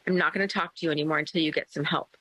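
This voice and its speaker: A woman's voice: deep voice, fairly even intonation, racing, fairly bright tone, no room sound, voice pushed down, rough recording. A woman quoting her exasperated partner issuing an ultimatum. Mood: insistent.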